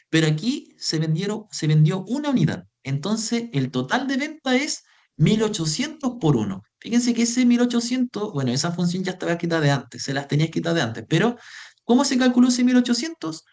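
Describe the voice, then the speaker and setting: A man's voice: high voice, a little mellow. A young man teaching an online spreadsheet class, patiently repeating himself as he explains. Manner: patient, repeats phrases, calls students "chiquillos". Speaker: Excel workshop instructor.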